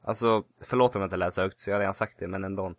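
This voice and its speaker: A man giving casual, excitable gameplay commentary who yelps and shouts when he panics. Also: low-pitched, no echo. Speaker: let's play host.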